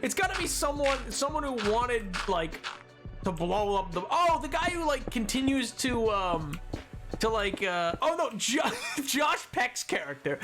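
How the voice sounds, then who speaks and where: A man streaming a game, chatting casually in an excitable, rambling way and laughing often. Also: extremely high pitch, unhurried, over music. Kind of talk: casual gameplay commentary.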